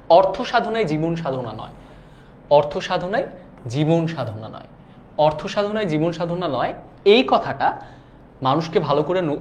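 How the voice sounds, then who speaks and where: In a live online lesson, a young male teacher talks in a slightly high voice, with a little hiss or hum on the audio. His manner is relaxed and talkative; he reads out comments from viewers and frequently asks "do you understand?"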